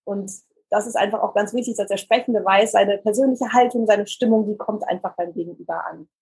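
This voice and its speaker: Breathy woman explaining voice technique. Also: mid-range voice, a little fast, rough recording. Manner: calm, explanatory, demonstrates exercises. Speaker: voice coach and news presenter. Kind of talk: explanatory podcast interview.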